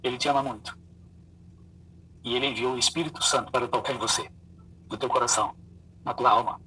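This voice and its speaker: A man, a pastor and psychologist, preaching with animated storytelling and acting out voices. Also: medium pitch, a little fast, distant mic, slight background noise, rough recording. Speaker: pastor and psychologist giving a talk. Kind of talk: sermon with acted-out stories.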